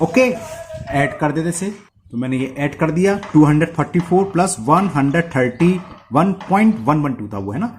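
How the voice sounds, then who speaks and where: A man's voice: on the high side, a little mellow, slight background noise. Indian man talking through a maths solution. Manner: thinks aloud while writing, checks in with the viewer. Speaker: maths teacher. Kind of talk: step-by-step maths lesson.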